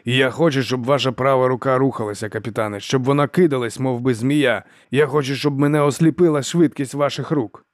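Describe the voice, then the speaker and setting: A man's voice: mid-range voice, fairly even intonation, a little fast, hardly any pauses, no room sound, clean studio sound, lightly acted. A man voicing an old, stern lord marshal who drills a pupil with barked commands. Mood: barking. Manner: barking, commanding.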